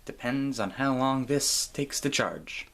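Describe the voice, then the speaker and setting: A man's voice: medium pitch, expressive, slow pace, creaky, fairly bright tone. Rambling sarcastic young man vlogging. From United States. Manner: rambling, sarcastic, swears casually. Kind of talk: casual vlog talk to camera.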